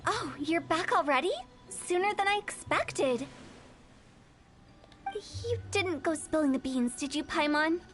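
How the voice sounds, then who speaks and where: A woman's voice: very high-pitched, animated, a little slow, pauses often, fairly bright tone, slight background noise, exaggerated voice. A woman voicing a playful, eerie young female funeral parlor director in a video game, teasing, theatrical and self-assured. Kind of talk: video game character acting.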